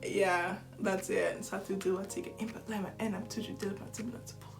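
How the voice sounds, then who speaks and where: Young woman, soft and chatty, giggles a lot, mid pitch, faint music underneath. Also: fairly even intonation, fast, creaky. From Zimbabwe. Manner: soft-spoken, giggly, chatty, often drops to a whisper. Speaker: vlogger. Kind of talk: relaxed bedtime chat to camera.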